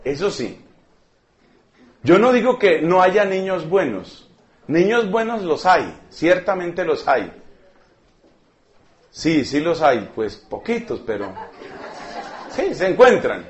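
A man's voice: fairly high pitch, big pitch swings, slow pace, pauses often. A man preaching a sermon, emphatic and joking, repeating words for effect.

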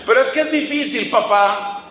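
A man doing a small boy's voice, bright and high, whining and insisting that his homework must be done his way. The lines come through a roomy, echoing space, as a preacher puts the child on in the middle of a sermon. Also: normal speed, a little hiss or hum. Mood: pleading. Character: small boy pleading with his father.

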